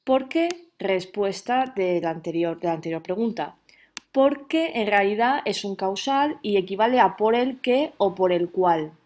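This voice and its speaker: A woman teacher from giving a recorded grammar lesson, explaining step by step and often checking with a quick question. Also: medium pitch, darkish tone. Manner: explanatory, checks understanding with frequent "¿vale?".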